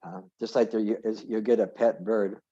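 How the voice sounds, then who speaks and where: Low, mellow man teaching scripture on a video call. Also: little pitch movement, moderate pace, slightly rough. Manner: rambling, self-correcting, digressive. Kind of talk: informal scripture class. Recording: dull lo-fi video call audio.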